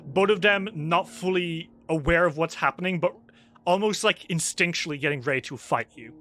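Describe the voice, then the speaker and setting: A man narrates a tabletop game as game master, painting the scene in vivid, animated detail. His voice sits a little high and sounds bright and sharp. His delivery is lively and descriptive. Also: moderate pace.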